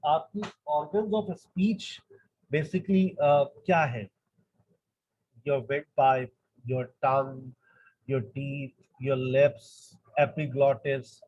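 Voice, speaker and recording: A man teaches an online English lesson, mixing English and Urdu as he explains. His voice sits somewhat high and a little husky, with an unhurried delivery. The recording is dull and lo-fi. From Pakistan.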